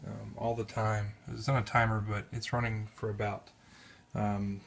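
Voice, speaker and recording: Male hobbyist, low gravelly voice, loose off-camera vlog commentary, halting and self-correcting, home bedroom on a camera mic. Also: a little hiss or hum. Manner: relaxed, halting, with many restarts and self-corrections. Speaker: aquarium hobbyist. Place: spare upstairs bedroom at home.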